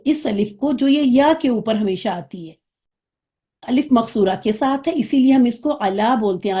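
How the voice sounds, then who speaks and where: A woman teacher explains grammar to her online class in a patient, step-by-step way, stopping often to ask whether everyone has understood. Her voice sits fairly high but sounds mellow and warm. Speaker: Arabic teacher.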